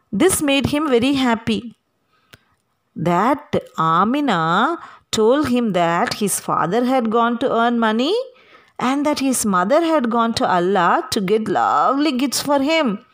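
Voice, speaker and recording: A woman teacher reads a story aloud to her class. She goes at a slow, deliberate pace, stretching words for emphasis. Her voice sits a little high, and she breaks off to explain things and to put questions to the listeners. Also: expressive.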